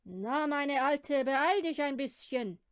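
A woman voicing a gruff farmer driving a horse sleigh in a children's storybook, calling out loudly. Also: sits high, expressive, takes it slowly, dry recording, studio quality. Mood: urging.

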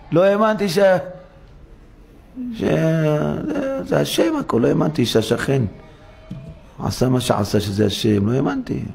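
A man's voice: fairly high pitch, animated, gravelly, pauses often, darkish tone, faint music behind. A male rabbi giving a sermon in a synagogue, dramatic, acting out complainers through rhetorical questions. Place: synagogue study hall.

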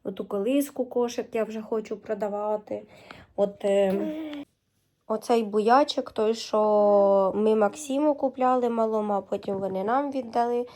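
A woman's voice: medium pitch, fairly even intonation, normal speed, dark tone. A young woman vlogging casually as a mother, chatting to the camera and cooing to her baby. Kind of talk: casual daily vlog.

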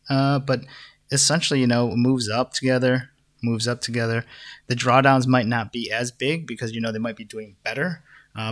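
Young male host, bright tone, loose rambling delivery full of fillers, casual market talk. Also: medium pitch. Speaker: stock market video host. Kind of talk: casual stock analysis talk.

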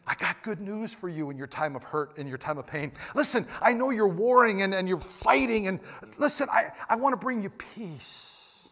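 A man preaching a sermon in a church, moving between quiet, close talk and loud, emphatic bursts, with frequent restarts and repeated words. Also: high voice, expressive, moderate pace. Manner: swings from loud emphatic shouts to quiet near-whispers. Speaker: pastor. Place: church sanctuary.

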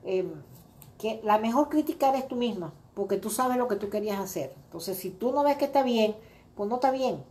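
This middle-aged crafting host has a mellow, slightly high voice and an animated delivery at a moderate pace. Her casual livestream chat rambles with many fillers as she welcomes viewers by name.

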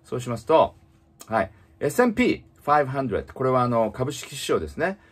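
A man teaching English in casual spoken style, reading slowly and explaining with many fillers. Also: medium pitch, very animated.

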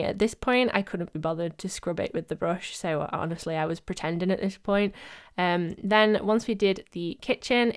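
Chatty woman with a smooth, clear voice. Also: lowish voice, a bit bright. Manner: chatty, self-mocking, laughs often. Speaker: vlogger. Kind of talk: casual voice-over narration. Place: home studio, voice-over recorded separately.

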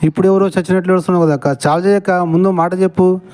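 Brief: fairly high-voiced man, mocking, impatient reaction commentary. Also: steady tone, rapid-fire, darkish tone. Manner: sarcastic, impatient questioning.

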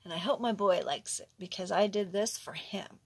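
A woman's voice: mid-range voice, moderate pace, breathy edge. A middle-aged woman chatting casually through a nail art tutorial at home, talking to herself as she works and often dropping into a whisper. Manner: chatty, talks to herself while working, drops into whispers.

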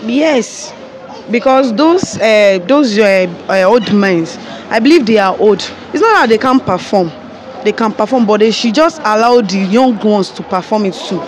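A woman's voice: mid-range voice, expressive, unhurried, a faint crowd, rough recording. Hesitant young Nigerian woman on street. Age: young adult. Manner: hesitant, searching for words, many fillers. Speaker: interviewee. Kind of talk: street interview answer. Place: outdoors by a painted wall. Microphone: phone held close by interviewer. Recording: street noise behind.

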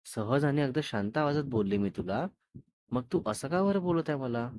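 A man's voice: mid-range voice, lively intonation, normal speed, a little mellow, lightly acted. A man reading the lines of a sulky, teasing young woman in a storybook tale, in a pleading, complaining way.

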